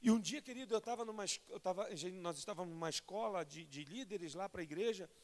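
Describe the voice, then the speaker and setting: A Brazilian man preaching a fervent sermon as a pastor, swelling from soft to loud and often calling listeners "querido". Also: sits high, fast talker. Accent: Brazilian Portuguese. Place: large church sanctuary. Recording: long hall reverb in church.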